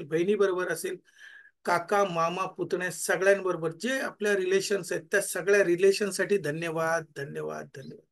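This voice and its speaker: A man, a life coach leading a guided gratitude meditation, who repeats his thanks more and more softly until they trail off. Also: high-pitched.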